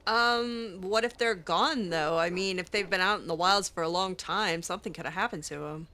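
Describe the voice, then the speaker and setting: This woman also role-plays a character in a video game, making up her replies in hesitant, casual, conversational bits. Her voice is lowish and sharp in tone, moderately paced, with some faint noise in the background.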